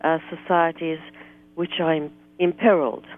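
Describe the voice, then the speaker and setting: A woman from South Africa, a guest author speaking in an articulate, measured way during a political talk radio interview. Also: sits low, steady tone. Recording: tinny phone line.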